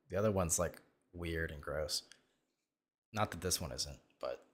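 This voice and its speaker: A man casually telling a crude, self-mocking story, rambling with lots of restarts. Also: deep voice. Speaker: streamer reacting to videos.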